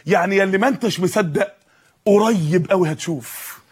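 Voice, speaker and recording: A man's voice: high-pitched, brisk, breathy edge. A man preaching a sermon with an Egyptian Arabic accent, impassioned and full of rhetorical questions.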